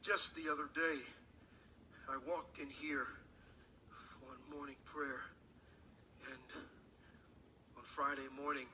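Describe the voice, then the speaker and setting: A pastor preaching a sermon into a pulpit microphone in a church, moving from a hushed story to shouted preaching. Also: male voice, medium pitch, a little hiss or hum, rough recording. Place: church sanctuary.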